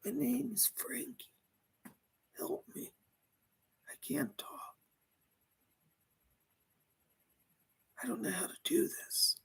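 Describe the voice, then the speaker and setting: A woman as a seance medium in trance, voicing a remorseful, frightened dead male mobster in a husky, halting, anguished way that slips into whispers. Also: fairly high pitch, lively intonation, fairly bright tone, exaggerated voice. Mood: halting, rueful. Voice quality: husky, breathy, creaky. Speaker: seance medium channeling a spirit. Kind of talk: seance medium trance channeling, dramatic first-person confession.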